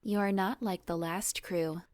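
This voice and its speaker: A woman voicing a menacing ship computer in a science fiction audio drama, refusing with flat, formal courtesy. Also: medium pitch, slow pace, natural voice. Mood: coldly menacing. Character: eerily polite, menacing female rogue ship computer.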